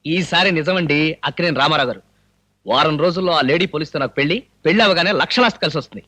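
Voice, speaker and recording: A fast-talking scheming con man. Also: a little high, pushed and bright. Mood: pleading. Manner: fast, wheedling excuse-making. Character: scheming male con man dodging lenders. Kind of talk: Telugu film comedy scene.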